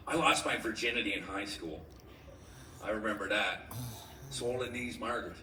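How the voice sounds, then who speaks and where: A man's voice: on the low side, moderate pace, bright, forceful tone. A middle-aged man doing a stand-up comedy set, telling stories with punchy delivery and acting out voices. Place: comedy club stage before a live audience. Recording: echoey club recorded from far off, noisy.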